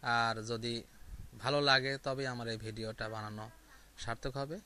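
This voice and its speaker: Male tutor, patient step-by-step explainer with fillers, bright tone. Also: mid-range voice, steady tone, unhurried, smooth. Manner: step-by-step explaining with frequent fillers and repeated examples. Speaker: English grammar teacher. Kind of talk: explaining grammar lesson to viewers.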